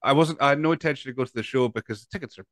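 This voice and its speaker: Fast-talking Scottish man in his thirties. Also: mid-range voice, fairly bright tone, dry recording. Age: 30s. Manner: chatty, stumbles and repeats words. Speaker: podcast host. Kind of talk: casual interview chat. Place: home room over a video call. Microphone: large studio mic with headphones.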